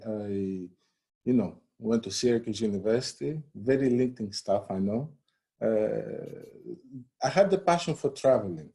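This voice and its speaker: A man from Greece who also grew up in the United States, an HR head answering interview questions in a relaxed, conversational way with many "you know" fillers. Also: mid-range voice. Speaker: head of human resources, interview guest. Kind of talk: live-streamed interview.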